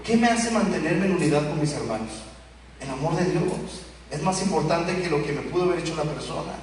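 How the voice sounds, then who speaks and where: High-voiced Mexican pastor preaching in an echoey hall. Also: male voice, brisk. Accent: Mexican Spanish. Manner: animated, acts out quoted voices of children and parents. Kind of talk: sermon. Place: church hall. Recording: echoey hall, speaker far from the mic, faint ambient noise.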